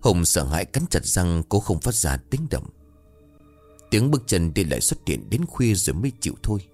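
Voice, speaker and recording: A man narrating a horror story in a measured, suspenseful way. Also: deep voice, sing-song, darkish tone, faint music behind.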